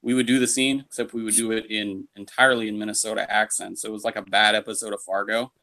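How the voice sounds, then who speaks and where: A man's voice: on the low side, little pitch movement, fast, bright, forceful tone. A man, a cast member in a casual online Q&A, telling a funny story from set. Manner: jokey storyteller.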